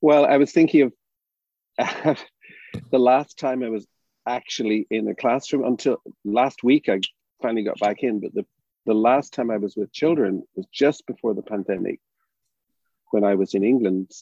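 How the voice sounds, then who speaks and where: An older man from Northern Ireland with a Northern Irish accent, speaking as a drama educator in a thoughtful, halting way with many restarts. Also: mid-range voice, warm tone, breathy edge, no echo, dull audio. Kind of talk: reflective interview talk.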